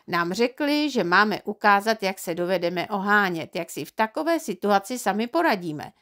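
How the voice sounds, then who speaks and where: A woman's voice: medium pitch, big pitch swings, a bit bright. A woman voicing a stern, grumbling middle-aged father who lectures and quarrels. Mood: lecturing. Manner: indignant, lecturing.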